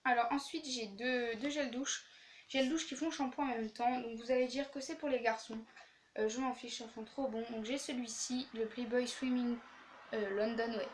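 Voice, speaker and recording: A woman's voice: a little high, steady tone, normal speed, a little hiss or hum. A young woman reviewing her used-up beauty products in casual chat, tired after a day of classes and stumbling over her words, filmed in her bedroom by an open window. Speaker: beauty vlogger. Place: bedroom facing an open window, street traffic outside. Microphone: handheld camera without tripod.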